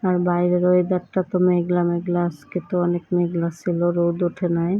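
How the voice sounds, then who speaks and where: A woman's voice: lowish voice, monotone, fairly quick, dry recording, narrow, tinny audio. A woman, narrating a casual home cooking vlog while ill with a sore throat and fever. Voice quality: husky, strained from sore throat. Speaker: vlogger. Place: home kitchen. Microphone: phone held in one hand.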